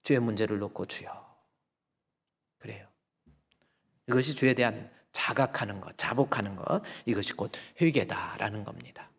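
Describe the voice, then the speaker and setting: A man's voice: fairly low pitch, moderate pace, husky, in a large hall. A male pastor preaching a sermon emphatically, acting out apologies in dialogue. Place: church sanctuary.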